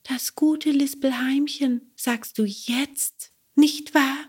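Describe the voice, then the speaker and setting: A woman voicing a small, wise cricket in a storybook reading, with a thin, whispery high voice. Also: flat delivery, unhurried, darkish tone, slightly rough. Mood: reproachful. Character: small wise cricket, stern but kind.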